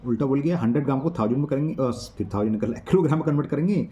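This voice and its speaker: A man's voice: mid-range voice, racing, mellow, muffled recording. A man teaching a maths exercise to children, patiently counting digits aloud and checking that they follow.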